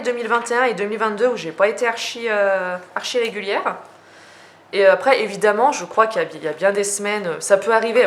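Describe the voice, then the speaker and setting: A young woman with a French accent talks through her notebooks in a relaxed, chatty way, often pausing on fillers and restarting her sentences. Her voice sits at an ordinary middle pitch. A faint hiss of noise runs under the recording. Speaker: journaling vlogger. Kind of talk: casual show-and-tell.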